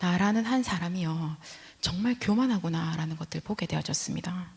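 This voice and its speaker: Woman, sermon, husky voice, soft whispered asides, long church-hall reverb. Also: on the low side, fairly quick. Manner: lively, rising and falling delivery with soft whispered asides. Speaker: preacher. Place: church sanctuary.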